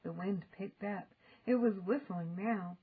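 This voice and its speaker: An older woman reading a children's story aloud in an expressive, deliberate storytelling manner. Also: mid-range voice, slightly rough, narrow, tinny audio. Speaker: storybook reader. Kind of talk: expressive children's audiobook narration.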